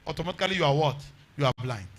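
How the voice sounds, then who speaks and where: A man's voice: a little high, expressive, very fast. A man with a Nigerian accent preaching a revival sermon, exhorting emphatically with repeated phrases and rhetorical questions.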